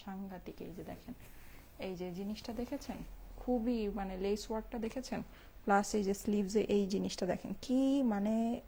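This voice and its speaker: Soft-spoken Bangladeshi woman selling clothes live. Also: fairly high pitch. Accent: Bangladeshi Bengali. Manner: chatty, reads viewer comments aloud, keeps talking softly. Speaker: online clothing seller. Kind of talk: late-night live selling stream. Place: home at night, indoors.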